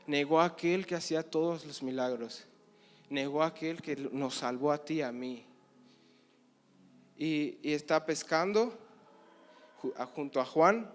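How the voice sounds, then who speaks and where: A young man preaching a sermon at a conference, telling Bible stories with passion and acting out the dialogue. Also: on the high side. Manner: impassioned storytelling, acts out Bible dialogue. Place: conference hall.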